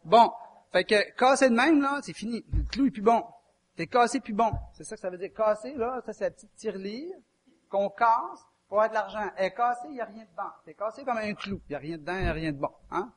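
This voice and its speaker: A man's voice: high-pitched, expressive, fast. A man with a Québécois French accent preaching a chatty, folksy sermon and quizzing his listeners. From Quebec. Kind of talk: conversational sermon.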